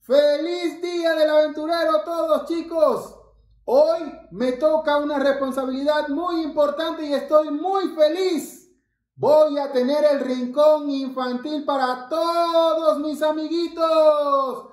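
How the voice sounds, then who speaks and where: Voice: high-pitched, steady tone, slow pace, a little mellow. An adult playing Carlitos, a cheerful little boy who tells the children a Bible story in church, bubbly and exclaiming straight to his listeners. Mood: eager. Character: cheerful little boy named Carlitos, proud young scout. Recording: echoey church room.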